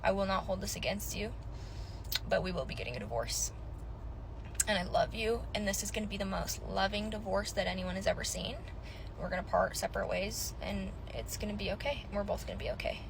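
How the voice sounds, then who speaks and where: A woman's voice: medium pitch, brisk, creaky, background noise. A woman with a Utah American accent telling a personal story casually and chattily, peppering it with "like". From Utah, United States. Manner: chatty, many "like"s.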